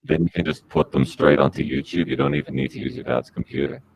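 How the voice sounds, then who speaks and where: A man speaking through a disguised deep voice as a podcast guest, giving rambling, halting answers. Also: big pitch swings, creaky, a little mellow, slight background noise. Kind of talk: comic podcast interview.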